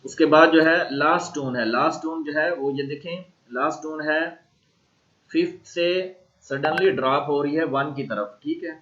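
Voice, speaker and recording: A man with a Pakistani accent teaches in a slow, deliberate way, pausing to repeat each sound for his students. His voice sits a little high. The recording is muffled and lo-fi, like a classroom lecture taped for students. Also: a bit bright. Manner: slow, repetitive explaining, modeling tones aloud. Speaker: language teacher.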